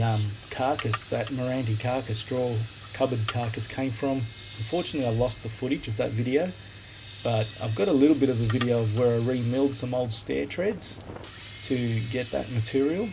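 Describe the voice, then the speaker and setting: Australian woodworker narrating his build, gravelly voice, captured on a hissy phone recorder app, relaxed step-by-step delivery. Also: mid-range voice. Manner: relaxed, plain-spoken, explains step by step. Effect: recorded on a phone voice recorder app instead of a microphone. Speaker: woodworking video maker. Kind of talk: casual voice-over explaining a workshop build. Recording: noisy phone voice-memo recording.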